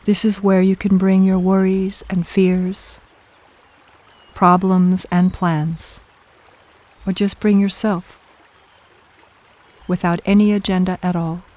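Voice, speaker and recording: Soft, mellow meditation guide. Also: mid-range voice, flat delivery. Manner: soft, soothing, slow and measured, with long pauses. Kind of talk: guided meditation, scripted narration.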